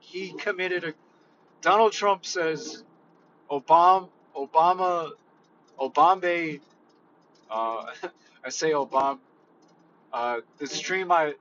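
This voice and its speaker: Hesitant man vlogger, slow and bright-toned, lo-fi recording. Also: a little high, a little hiss or hum. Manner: hesitant, halting, heavy on fillers. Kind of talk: casual reflective monologue.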